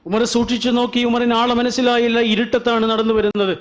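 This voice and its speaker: Guy with a high voice giving an emotional sermon, lots of repeating for effect. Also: little pitch movement, fast. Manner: dramatic, repeats phrases for emphasis. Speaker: preacher. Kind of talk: emotive religious storytelling speech.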